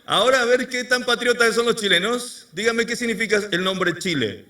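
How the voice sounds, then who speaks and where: Male pastor, high lively delivery, questions the crowd, mic set back. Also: normal speed, distant mic. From Argentina. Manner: quizzes the congregation with rhetorical questions. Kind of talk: sermon. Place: church service before a congregation.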